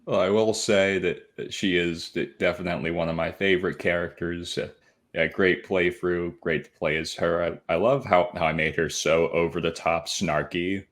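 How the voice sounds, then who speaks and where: A man with a very low voice co-hosting a casual podcast. He talks in a halting way, restarting and repeating words as he works through his thoughts. It comes across as easygoing conversation. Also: steady tone, a bit bright. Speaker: podcast co-host.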